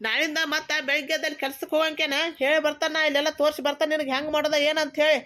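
A woman's voice: high voice, level tone, fast talker. A woman with a Belagavi Kannada accent voicing a bossy, scolding middle-aged mother-in-law in a cartoon comedy. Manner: loud, nagging, ordering about.

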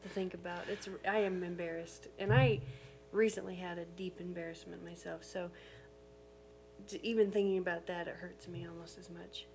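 A woman who is a guest on a podcast, chatting expressively and sometimes dropping to a quiet voice. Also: on the low side, fairly even intonation, moderate pace, soft background music, rough recording. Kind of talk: casual chat.

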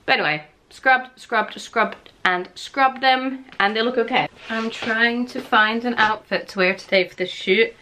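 A woman in her thirties chatting to camera at home as a lifestyle vlogger, telling stories in a lively way and laughing often. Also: fairly high pitch, unhurried, few pauses, a little hiss or hum. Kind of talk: casual vlog chat to camera.

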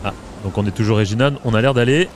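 A man's voice: on the low side, racing, heavy background noise. A man giving casual, hesitant gameplay commentary with many filler sounds. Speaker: let's play gamer. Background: game music.

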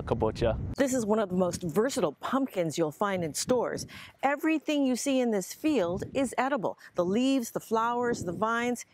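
A man's voice: high voice, background noise. A man in his thirties, a farmer explaining his crop plainly outdoors in a field. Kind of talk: interview on the farm. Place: open farm field, outdoors.

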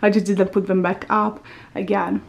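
A woman in her thirties vlogs a tour of her house's bathroom and bedroom indoors, filmed on a handheld camera as she walks. Her medium-pitched voice is gravelly, with little pitch movement and normal speed, and she is chatty and often corrects herself.

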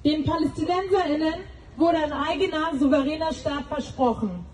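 A woman giving a prepared speech at an outdoor protest, delivering it in measured, read-out phrases. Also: high voice, darkish tone, recorded from a distance, a little hiss or hum, low-quality recording. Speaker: protest speaker.

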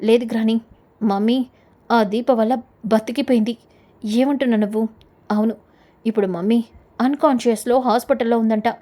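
A woman's voice: fairly high pitch, steady tone, moderate pace, pauses often, mellow, natural voice. A woman reading the lines of a scheming young woman plotting against a rival in a retold TV serial. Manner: plotting, menacing.

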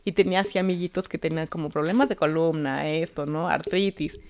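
A woman with a Mexican accent, a tarot reader guest telling animated anecdotes in casual conversation. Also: sits low, a little fast. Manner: animated anecdotes with acted-out quotes.

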